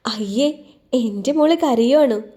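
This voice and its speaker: A woman's voice: on the high side, unhurried, mellow, lightly acted. A woman voicing a loving middle-aged mother who speaks soothingly and affectionately. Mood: tender.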